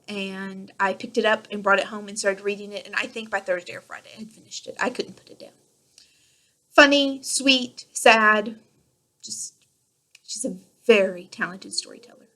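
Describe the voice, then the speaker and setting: A woman's voice: mid-range voice, pushed and bright. A woman in her thirties hosting a solo podcast, chatting in a rambling, enthusiastic way. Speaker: podcast host. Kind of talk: casual solo podcast chat.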